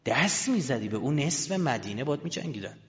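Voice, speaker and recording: Impassioned preacher in a reverberant hall. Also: male voice, big pitch swings, slight background noise. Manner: swings between loud, high, emotional outbursts and low, hushed, slow lines. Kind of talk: impassioned religious sermon, storytelling. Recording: reverberant hall, dull lo-fi sound.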